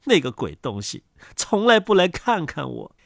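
A tired mother duck grumbles on her nest in a low, sagging voice, as a woman puts her on. She sounds worn out and complaining, close and dry like a storybook reading. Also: very animated, normal speed, vocal fry, no echo, heavily acted. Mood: weary, grumbling.

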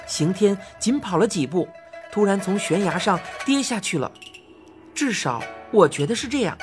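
Woman storyteller, lively pitch, expressive audiobook narration, faint music underneath. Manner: expressive, rising to cries in excited passages. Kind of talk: dramatic audiobook narration of a children's fantasy story.

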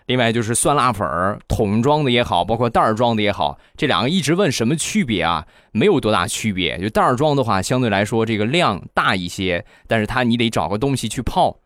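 A man's voice: mid-range voice, fairly quick, few pauses, dry recording, studio quality. A young man hosting a comedy program, telling funny anecdotes and acting out the voices of the people in them. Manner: lively, acts out quoted voices. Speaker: comedy podcast host. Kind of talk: storytelling jokes.

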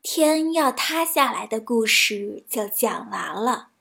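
Soft-spoken woman telling children's stories. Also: a little high, lively intonation, takes it slowly, vocal fry. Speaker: children's storyteller. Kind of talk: storybook narration for kids.

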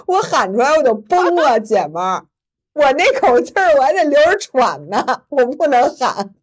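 A woman podcast host, telling a story in lively casual chat and laughing often. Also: sits high, moderate pace.

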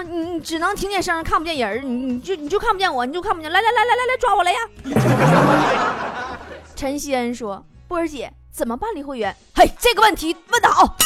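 Teasing high-voiced woman. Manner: teasing, laughs often between lines. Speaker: radio-style host reading listener messages. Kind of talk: playful casual chat. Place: alone in a room recording. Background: background music.

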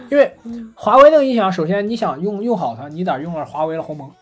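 A man co-hosting a casual podcast chat, telling anecdotes in a lively, chatty way. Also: high voice, brisk, breathy edge. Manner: chatty storyteller, animated retelling of anecdotes. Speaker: podcast co-host. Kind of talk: casual chat about gadgets.

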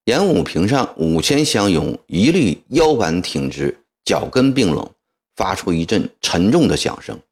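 Low-voiced guy reading a history novel audiobook, slow and lively in tone. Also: husky. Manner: measured, expressive storytelling. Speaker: narrator.

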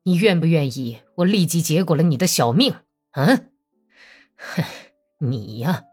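A woman's voice: low voice, expressive, unhurried, darkish tone, slightly rough, faint music behind, heavily acted. A woman voicing a blunt, hot-tempered male Cossack officer who speaks in curt, threatening words. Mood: angry.

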